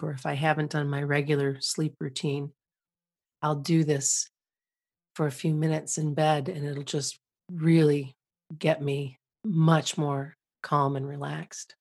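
A woman hosting a self-help podcast, talking calmly with a gentle, measured, soothing delivery. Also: sits low, slightly rough. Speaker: podcast host. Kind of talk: calm self-help podcast talk with guided breathing instruction.

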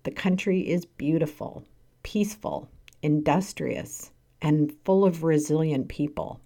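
Canadian woman in her 40s, low mellow voice, earnest measured read. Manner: earnest, measured reading with emphatic stresses. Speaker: podcast host. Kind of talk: scripted personal monologue.

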